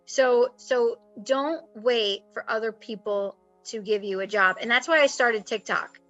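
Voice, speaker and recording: Bright-voiced woman coaching on a video call. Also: on the high side, unhurried, no echo, muffled recording, faint music behind. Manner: animated and chatty, with frequent fillers. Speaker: acting coach hosting a video-call meet and greet. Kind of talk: casual advice chat. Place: home, with construction noise outside.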